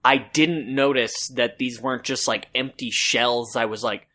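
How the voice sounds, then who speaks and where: A man co-hosting a casual book-discussion podcast, talking slowly and unhurriedly. His voice is bright and forward. He rambles, filling his sentences with "like" and "um". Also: mid-range voice, steady tone. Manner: rambling, full of "like" and "um". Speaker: podcast co-host.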